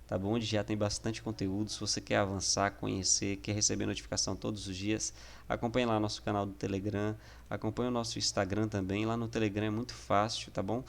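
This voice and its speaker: A man's voice: fairly low pitch, flat delivery, a little fast, creaky. A man with a Brazilian Portuguese accent teaching an online lesson, explaining patiently and often checking in with the listener.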